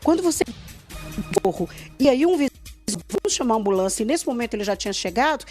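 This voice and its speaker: A woman TV interviewer speaks fast with a lively, rising and falling voice, cutting in with brief questions to steer her guest's story. Faint music runs behind her. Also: a little high.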